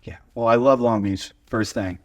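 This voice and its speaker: Speaking at a medium pitch with fairly even intonation and a darkish tone, this American-accented guest in his twenties shares stories in a relaxed interview. He runs a video studio out of a converted garage and hails from a small town in Oklahoma; his pace is moderate.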